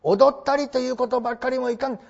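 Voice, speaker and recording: A man with a very high, steady voice talks fast with vocal fry. He is politely explaining traditional theatre in a classroom lecture, throwing rhetorical questions at his audience. The recording is dull and lo-fi.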